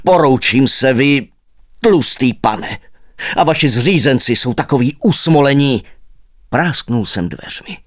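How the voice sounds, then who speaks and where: A man's voice: mid-range voice, expressive, dry recording, clean studio sound. A man reading a humorous story aloud, voicing the narrator as a fussy, indignant grumbler. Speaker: audiobook reader. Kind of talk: expressive first-person story reading.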